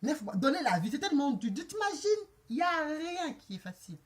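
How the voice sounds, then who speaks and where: A woman telling a storytime vlog, animated and often breaking into laughter as she talks to her viewers. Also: sits high, brisk. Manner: addresses viewers directly. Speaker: vlogger.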